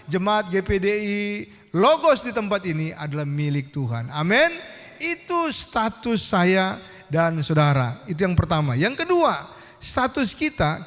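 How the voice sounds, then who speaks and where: A man with a high, bright-edged voice preaches a storytelling sermon from the pulpit, turning again and again to the congregation to draw a response. His voice rings through a church hall with a long, trailing reverb. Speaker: pastor. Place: church sanctuary.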